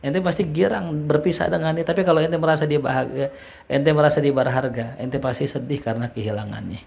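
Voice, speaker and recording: A man's voice: fairly high pitch, fast, gravelly, darkish tone. A man giving a casual Islamic study lecture, joking and quoting Arabic phrases before explaining them. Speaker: ustadz teaching a religious study class.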